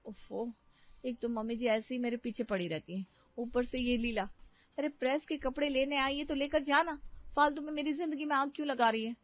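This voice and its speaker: A woman voicing a modern young newlywed bride who whines and complains in a high tone. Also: expressive, moderate pace, no room sound. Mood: polite, annoyed. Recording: dry, slightly dull recording.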